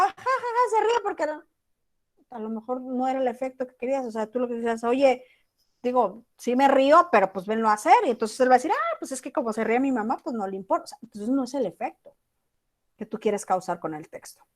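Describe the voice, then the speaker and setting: A woman's voice: a little high, animated, fast talker. A woman teacher with a Mexican accent giving an online class, talking casually and acting out example text messages. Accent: Mexican Spanish.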